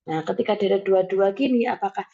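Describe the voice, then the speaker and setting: A woman's voice: medium pitch, brisk, warm tone, slightly rough, muffled recording. A young woman tutoring math over a video call, explaining patiently step by step with many "nah" and "oke". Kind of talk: online math tutoring session.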